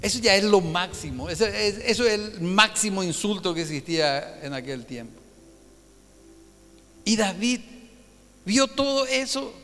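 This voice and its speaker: A man preaching a Sunday sermon as pastor, animated and keeps putting rhetorical questions to his congregation. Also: sits high, measured pace, pauses often, in a large hall, faint music behind. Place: church hall.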